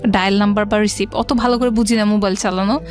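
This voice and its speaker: Speaking quickly in a steady, medium-pitched voice, a middle-aged interview guest with a Bangladeshi accent recounts her life in a conversational way. She quotes things people once said and mixes English words into her speech while music plays in the background.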